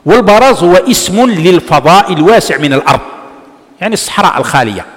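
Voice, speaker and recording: A man's voice: high voice, animated, fast, a bit bright. A man giving a religious lesson, explaining a text and answering his own rhetorical questions. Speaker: religious teacher. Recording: long reverb of a large hall.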